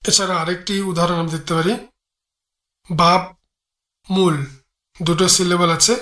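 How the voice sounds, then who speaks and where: A man reads a grammar lesson aloud, slowly and carefully, and sounds out each part of a word. His voice is bright and sharp. The room around him is echoey. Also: high voice, level tone. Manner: measured, spells out sounds one by one. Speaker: language teacher.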